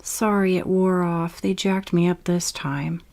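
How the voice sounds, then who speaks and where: A woman's voice: lowish voice, fairly even intonation, measured pace, gravelly, a little mellow. A woman voicing a tough young woman with new powers, who talks bluntly and swears. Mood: sad.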